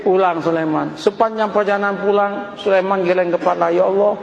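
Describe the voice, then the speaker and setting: A man telling a humorous sermon story in an animated, joking way. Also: high voice, fairly quick, vocal fry. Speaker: preacher. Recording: roomy hall, dull lo-fi sound.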